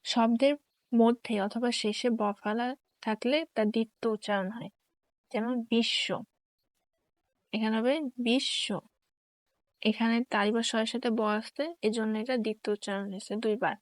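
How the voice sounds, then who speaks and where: A woman teacher slowly reading grammar rules and examples in a careful, dictation-like way. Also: fairly high pitch, level tone, darkish tone, no room sound.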